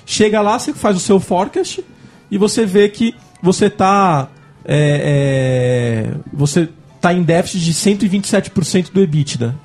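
Casual podcast man, Brazilian Portuguese accent, emphatic and slangy, a bit high with a husky edge. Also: animated, measured pace, a little mellow, soft background music. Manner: slangy and emphatic, acts out dialogue as he explains.

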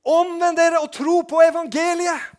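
A man voicing Jesus as a man urging repentance, proclaiming loudly and fervently. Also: very high voice, flat delivery, voice pushed up. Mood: urgent.

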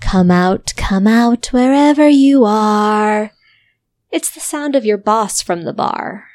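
A woman voicing a menacing, taunting boss who calls slowly and eerily out of the dark. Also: mid-range voice, expressive. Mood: taunting menace.

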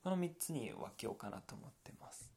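A man's voice: mid-range voice, very animated, a little fast, gravelly, darkish tone, husky. A man with a Kansai accent teaching his dialect to learners, explaining step by step and adding English glosses. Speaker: language teacher.

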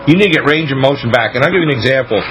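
An American man with a medium-pitched voice hosts a religious talk show. He preaches emphatically and at length, drawing out key words, with faint noise on the radio recording. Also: expressive, racing, fairly bright tone, low-quality recording.

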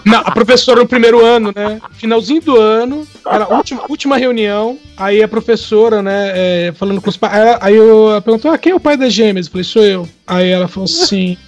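A man's voice: high-pitched, quick pace, few pauses, muffled recording, soft background music. A man, father of twin daughters, casually telling anecdotes and acting out the voices of the people in them. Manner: animated storyteller acting out quoted voices.

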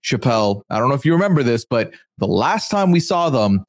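A man's voice: medium pitch, very animated, brisk, dry recording. A man hosting a casual podcast, rambling through an analytical recap and chuckling as he goes. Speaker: podcast host.

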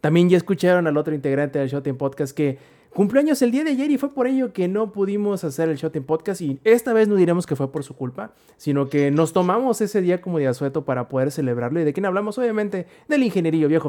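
A man hosts a podcast and brings on his co-hosts with playful introductions. His voice sits a little high. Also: animated, quick pace, dark tone. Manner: playful presenter. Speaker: podcast host. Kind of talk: show introductions.

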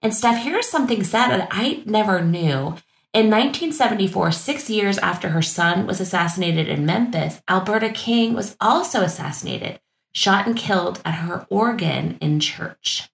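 Woman cohost reading off a list, gravelly voice, kinda echoey room. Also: mid-range voice, expressive, moderate pace. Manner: reads facts from notes, laughs easily. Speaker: podcast co-host. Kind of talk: casual chat, reading a list.

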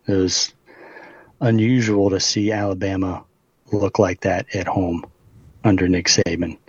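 A man co-hosting a casual sports podcast over a muffled remote call, talking in a measured way, running through facts with fillers. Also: lowish voice, breathy edge, no room sound. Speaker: podcast co-host.

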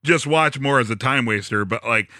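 A man's voice: medium pitch, normal speed, sharp tone, no room sound, studio quality. A man hosting a podcast, rambling and laughing, swearing freely in casual chat. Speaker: podcast host.

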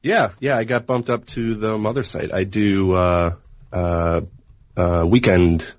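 A man with an American accent and a deep, bassy radio voice, chatting casually and quietly on a podcast. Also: steady tone, unhurried, dull audio. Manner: laid-back, low-volume talking. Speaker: podcast guest, baseball writer.

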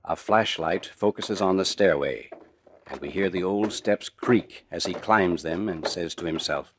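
A man's voice: deep voice, a little slow, a little hiss or hum. A man narrating a 1940s radio mystery in the formal, dramatic delivery of an old radio announcer. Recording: vintage 1940s radio recording with music. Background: music.

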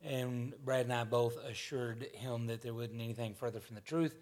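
A man's voice: mid-range voice, steady tone, moderate pace, a little mellow. A man in his fifties leading a church panel discussion in a folksy, rambling way, often restarting his sentences. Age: 50s. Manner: rambling, self-correcting, folksy.

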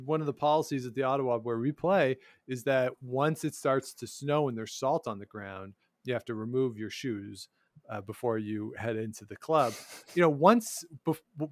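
A man's voice: mid-range voice, dry recording. A man with a mid-range voice co-hosts a casual sports talk show. He talks with a wry, sarcastic edge and slips chuckles into his asides. The sound is dry and close, with no room sound. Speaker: podcast co-host.

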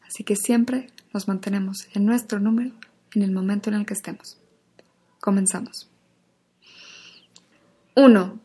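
A woman, an acting teacher leading a guided vocal warm-up, patiently drilling exaggerated syllables. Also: mid-range voice, steady tone, normal speed, slightly rough.

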